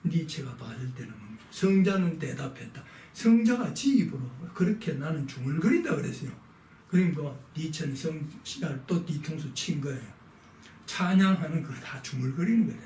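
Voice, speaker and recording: A man's voice: fairly high pitch, big pitch swings, normal speed, warm tone, slight background noise. Man lecturing in an echoey room. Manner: rhetorical questions, frequent "자" to move on. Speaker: lecturer on philosophy. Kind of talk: reading aloud and explaining a text. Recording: echoey room, mic at a distance.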